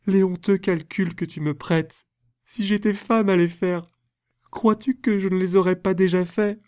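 A man's voice: sits high, steady tone, measured pace, a little mellow, no room sound, studio quality, voice pushed up. A man reading aloud voices a proud, passionate young woman in a storybook, with an impassioned, theatrical delivery. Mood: indignant.

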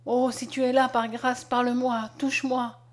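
A woman's voice: a little high, little pitch movement, moderate pace, close to an everyday voice. An earnest blind young man, read by a woman in a storybook, hopeful and pleading. The voice stays close to the reader's own, a little raised.

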